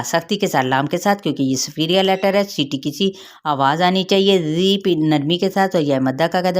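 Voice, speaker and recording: A woman with a low, deep voice teaches Quran recitation rules. She stretches out each word slowly to demonstrate it, then moves quickly through the explanation in a patient teacher's tone. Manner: slow, drawn-out demonstration of words, then brisk explanation. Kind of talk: teaching tajweed rules line by line.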